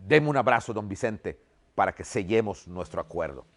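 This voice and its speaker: A solemn male general speaks with earnest persuasion, acted by a man retelling history. He addresses his rival respectfully as don and pleads for unity. His voice sits low. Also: expressive, moderate pace. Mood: earnest persuasive. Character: solemn conciliatory male general offering peace.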